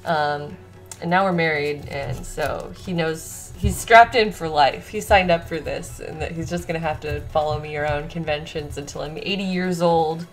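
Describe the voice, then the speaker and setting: A young woman with a lowish voice hosts a livestream, chatting casually with viewers in a playful, self-deprecating way. Video game remix music plays behind her.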